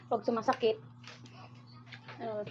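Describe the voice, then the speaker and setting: A chatty mother with a Cebuano accent talks to her viewers over a family meal, her voice sitting a little high. She explains each point as she goes and hums along between lines. Loud noise fills the background throughout. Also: little pitch movement, a little slow, lo-fi sound. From Philippines. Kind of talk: casual mealtime vlog chat.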